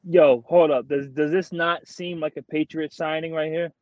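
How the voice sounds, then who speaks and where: A man's voice: fairly high pitch, fairly even intonation, moderate pace, no room sound. A young man co-hosting a sports podcast in casual, slangy frat-bro talk, like chatting with a buddy. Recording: dull, dry lo-fi audio.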